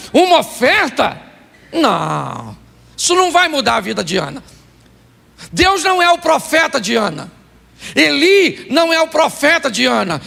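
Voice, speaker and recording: Animated gravelly-voiced preacher, high and bright. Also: male voice. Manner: animated preaching with rhetorical questions and comic asides. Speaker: pastor. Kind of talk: humorous sermon.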